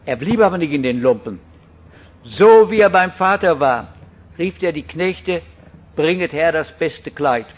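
Slow, emphatic man preaching, husky high voice. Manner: earnest, emphatic, slow deliberate delivery with dramatic pauses. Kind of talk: sermon. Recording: dull lo-fi recording.

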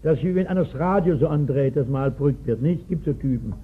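Fast and on the high side, a man's voice comes through with slight background noise on a tinny 1960s recording. He's a sixty-something pastor recounting a Bible story in a sermon, speaking emphatically and often addressing questions to his listeners.

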